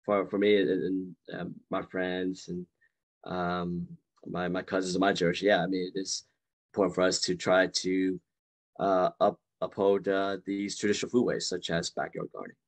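A guest speaker in his forties, born in Vietnam, answers audience questions over a video call webcam from a room at home. His voice sits low with little pitch movement at a normal pace. He sounds hesitant, with many fillers and restarts.

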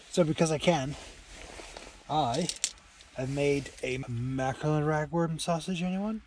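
A little high and a little mellow, the voice belongs to a man in his forties, an angling vlogger giving informal, enthusiastic running commentary to camera while fishing. He's outdoors at night on a beach by a small shelter, and the location sound is clearly noisy.

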